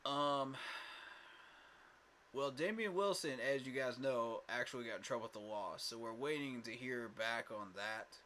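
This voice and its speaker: A tired fan channel host, low on sleep, chats on a casual livestream with a medium-pitched voice that's bright, forceful, and a little slow. Fillers and repeated words pepper his emphatic speech, and slight background noise can be heard.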